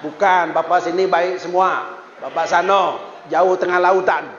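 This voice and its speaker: A man's voice: high-pitched, steady tone, a little slow, fairly bright tone, a little hiss or hum. A man preaching a humorous village sermon, teasing the audience and slipping into sing-song rhymes. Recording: echoey hall, dull lo-fi sound.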